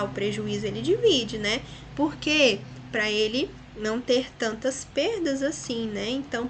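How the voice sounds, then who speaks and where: A Brazilian woman teacher explains a lesson patiently, one step at a time. She often checks in with short tag questions, and her voice sits a little high. Faint ambient noise sits behind her. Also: fairly bright tone. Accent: Brazilian Portuguese. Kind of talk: recorded online school lesson.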